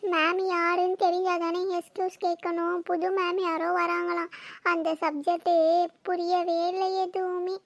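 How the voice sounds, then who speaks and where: A woman voicing a scared, tearful schoolboy who whines and pleads slowly in a cartoon. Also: very high voice, monotone, vocal fry, dry recording. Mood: scared whining. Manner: whiny, pleading, slow.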